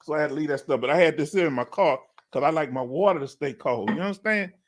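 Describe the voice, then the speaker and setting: A middle-aged man with a Houston, Texas accent chats casually with viewers on a live Q&A stream. He talks in a relaxed, rambling way and laughs easily, and his voice sits a bit higher than most men's. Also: quick pace. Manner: laid-back, chatty, laughs often. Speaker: livestream host.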